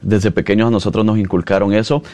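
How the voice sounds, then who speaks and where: Salvadoran man with a deep voice. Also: fairly even intonation, fast talker, a little mellow. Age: 30s. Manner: storytelling, rambling with restarts. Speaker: guest, radio announcer. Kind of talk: conversational interview.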